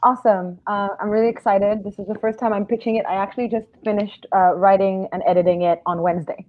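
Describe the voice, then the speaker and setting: A woman in her thirties, born in Israel and raised in London, eagerly pitching her memoir over a video call. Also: quick pace. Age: 30s. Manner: eager, talkative, lively storytelling. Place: home room, seated in a chair. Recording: dull lo-fi video call audio.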